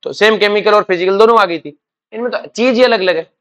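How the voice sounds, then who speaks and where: In a chemistry class, a male teacher lectures in a high, brisk, slightly bright voice with a clean tone, though the audio is dull. He keeps quizzing the students, firing repeated questions, answering them himself, and calling them "beta".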